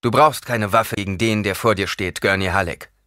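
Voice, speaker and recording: A man's voice: fairly low pitch, moderate pace, sharp tone, no echo, clean studio sound. A man doing a commanding young leader. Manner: firm, commanding. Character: young male desert leader, calm and commanding.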